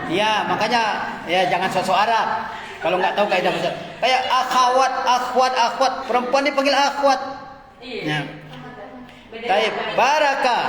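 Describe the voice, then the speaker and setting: A man's voice: high-pitched, a bit bright. A man teaching an Arabic grammar class, explaining words patiently with light chuckles. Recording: echoey room with long reverb.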